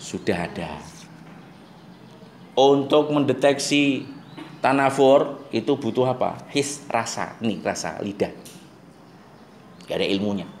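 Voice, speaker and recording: A man with a Javanese accent teaching a class, joking and quizzing his students with quick questions. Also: mid-range voice, lively intonation, a little mellow. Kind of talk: classroom lecture. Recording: roomy classroom echo, faint noise.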